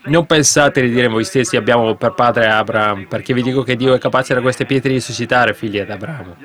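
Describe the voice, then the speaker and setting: A man preaching to a congregation in an ordinary mid-range voice. He presses his points with rhetorical questions, pushes up into loud emphatic bursts, then drops into quieter asides. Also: fairly quick. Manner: swings between sudden raised bursts and low asides. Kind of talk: sermon.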